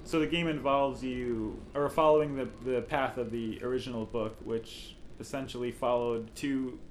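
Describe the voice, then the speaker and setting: A man co-hosting a podcast in casual chat, explaining things in a steady, laid-back way. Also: mid-range voice, moderate pace, a little hiss or hum, rough recording. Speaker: podcast co-host.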